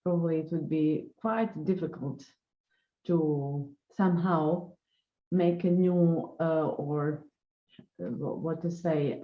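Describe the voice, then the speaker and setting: A woman's voice: sits low, reverberant, muffled recording. A woman moderating a panel discussion, searching for her words with many fillers.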